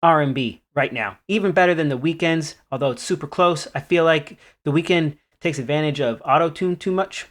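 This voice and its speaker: A man co-hosting a podcast in casual chat, laughing often while giving relaxed opinions. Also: fairly high pitch, normal speed, few pauses. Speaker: podcast co-host.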